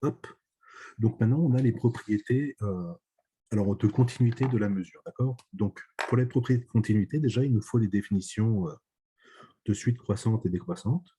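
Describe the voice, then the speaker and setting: Male math teacher, low dark husky voice, halting lecture delivery with constant "d'accord?" checks. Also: a little hiss or hum. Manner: hesitant, many fillers and checks for understanding. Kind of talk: online lecture.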